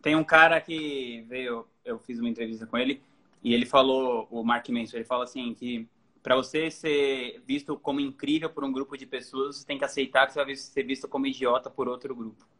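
A man, hosting an interview podcast in a calm, soft-spoken and reserved way. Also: medium pitch, brisk. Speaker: podcast host. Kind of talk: casual interview conversation.

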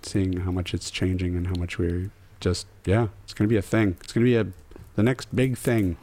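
A man's voice: deep voice, little pitch movement, moderate pace, dark tone. Laid-back joking podcast host, a man. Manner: joking, rambling with frequent laughs. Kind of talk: casual podcast banter.

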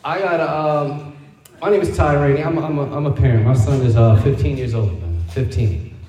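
A man's voice: mid-range voice, steady tone, fairly quick, very echoey. A middle-aged man doing a stand-up comedy set, telling loose, profane stories and laughing often. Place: live comedy venue with audience. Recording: distant room recording with loud crowd. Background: audience laughter and applause.

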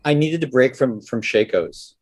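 A man's voice: medium pitch, normal speed. A middle-aged or older man with a Canadian accent, chatting casually as a podcast co-host in a folksy, joking way. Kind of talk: casual chat between friends.

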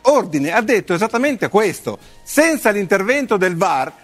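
A man hosting a TV sports show, moderating a heated debate with calming interjections and repeated short phrases. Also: high voice, normal speed, soft background music.

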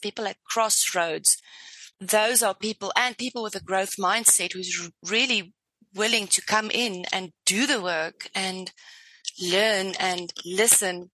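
Guesting on an interview podcast, a spiritual life coach from South Africa speaks with a South African accent, Afrikaans being her native language. She has a bright, forceful, mid-range voice and gushes enthusiastically, sometimes groping for words. The recording is rough but echo-free.

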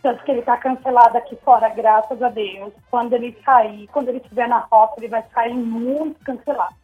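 A woman phones in to a radio show, and her voice comes through a narrow, phone-like line. She sits a little high in pitch and speaks her mind bluntly and without hedging. Faint music plays underneath. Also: fairly even intonation, brisk. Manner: blunt and outspoken. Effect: heard over a phone line. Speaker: radio call-in listener.

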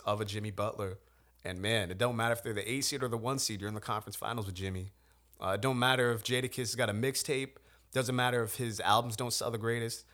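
A man with a fairly low voice talks basketball on a casual podcast. He builds a long argument, gets animated and swears freely. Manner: animated, swears freely, argues his point at length. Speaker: podcast co-host. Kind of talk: casual sports podcast chat.

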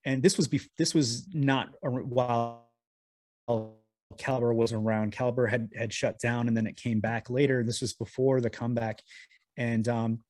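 A man's voice: mid-range voice, darkish tone. A man, a guest in an interview, talking over a video call with a shaky connection, rambling and restarting his sentences often. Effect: heard over a video call with a shaky connection. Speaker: guest, comics editor. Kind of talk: casual interview talk.

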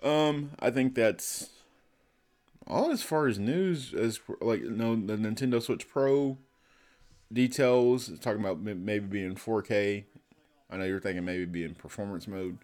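Male host, lowish voice, informal gaming talk, leans heavily on "like" as a filler. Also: measured pace, a little mellow. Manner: says "like" and "I'm like" very often. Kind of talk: casual chat about gaming news.

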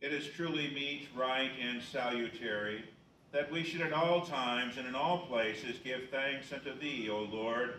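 A man leading a church liturgy in a measured, solemn recitation, his voice ringing in a cathedral echo. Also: medium pitch, bright, forceful tone. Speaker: presiding minister. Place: large church. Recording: echoey church, distant mic, faint hiss.

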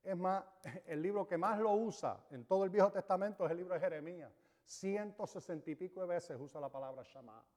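A man's voice: high-pitched, brisk, a little mellow. Emphatic preacher man, echoing hall. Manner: emphatic, stretches key words and quizzes the congregation. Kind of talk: sermon. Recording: long reverb of a large hall.

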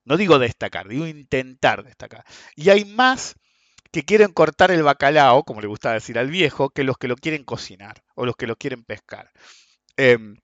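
Animated Rioplatense man telling trading stories. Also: mid-range voice, normal speed, no echo. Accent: Rioplatense Spanish. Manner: lively storytelling, frequent "ok?" tags. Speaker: trading educator. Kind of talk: casual monologue to viewers. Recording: dull, dry lo-fi sound.

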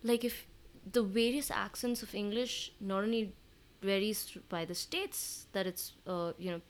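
A woman's voice: mid-range voice, fairly even intonation, a little slow. A woman from South India with a South Indian accent, chatting casually in an explanatory way and agreeing emphatically. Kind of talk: casual conversational discussion.

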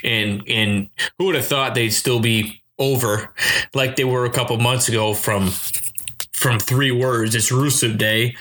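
A man's voice: mid-range voice, bright, forceful tone. Teasing man podcast co-host. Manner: teasing, playful banter. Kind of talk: casual wrestling prediction chat.

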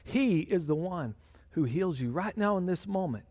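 A man's voice: sits high, expressive, moderate pace, darkish tone. A man preaching a sermon as pastor, fervent and emphatic, his intensity building as he drives each point home. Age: adult with a child. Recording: long reverb of a large hall.

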